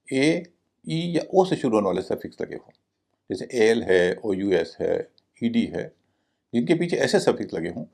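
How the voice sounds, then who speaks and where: A man's voice: medium pitch, darkish tone, breathy edge. A man teaching a recorded video lesson, explaining step by step and spelling out each word letter by letter. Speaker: English teacher.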